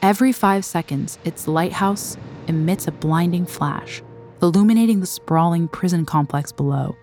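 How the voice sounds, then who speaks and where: Low-voiced woman narrating a documentary. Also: dark tone, soft background music. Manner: measured, dramatic storytelling. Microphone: studio voice-over.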